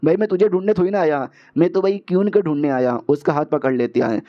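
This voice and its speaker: A man's voice: fairly high pitch, quick pace, lo-fi sound, close to an everyday voice. A man doing a pleading young cultivator hero. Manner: begging, apologetic chatter.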